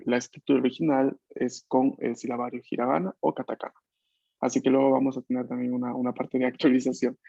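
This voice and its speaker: Gravelly-voiced man teaching a video-call class. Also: mid-range voice, mellow, no room sound, muffled recording. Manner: patient, explanatory, many tag questions. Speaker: language teacher. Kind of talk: online Japanese class taught in Spanish.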